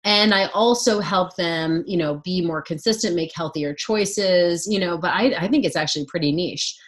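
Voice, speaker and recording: A woman's voice: on the low side, moderate pace. Casual, reassuring woman coach. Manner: casual, reassuring, lots of fillers. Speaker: business coach leading a group call.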